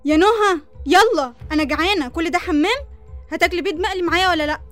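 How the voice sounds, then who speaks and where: A woman with an Egyptian accent playing a cheeky, whiny youngest sister, close and dry over soft music. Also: very high-pitched, quick pace, no echo. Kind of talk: radio drama acting.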